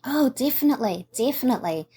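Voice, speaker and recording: A woman with a New Zealand accent, a costume maker talking in a casual, relaxed interview and often saying "yeah". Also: sits high, quick pace, husky. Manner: relaxed, agreeable, frequent "yeah" affirmations.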